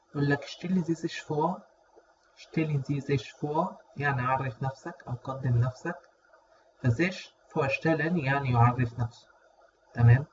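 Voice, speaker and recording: Egyptian Arabic-accented male teacher, casual and patient, repeats phrases slowly, muffled recording with a faint hiss. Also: medium pitch. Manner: repeats words slowly and drawn out, checks in with listeners. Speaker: German language teacher. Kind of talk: casual spoken lesson. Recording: dull lo-fi audio with faint noise.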